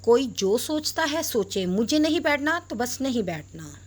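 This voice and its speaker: A woman voicing Arusa, a spoiled, haughty young wife who talks in a sharp, huffy way. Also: a little high, sing-song, unhurried.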